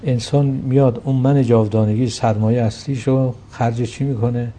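A man's voice: mid-range voice, fairly even intonation, warm tone, slight background noise. A man telling an old anecdote and reciting Persian verse in a religious discussion.

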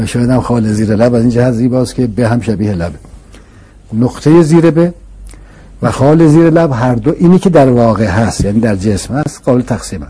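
A man whose mid-range voice is dark and husky gives an interviewer a patient, emphatic explanation of philosophical ideas. The talk is a conversational lecture, marked by rhetorical questions and repetition.

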